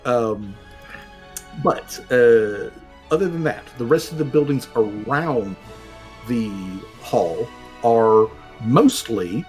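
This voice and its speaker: A man running a tabletop role-playing game as game master, narrating in a casual, halting and rambling way. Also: medium pitch, lively intonation, a little mellow. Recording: music playing behind the voice. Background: background music.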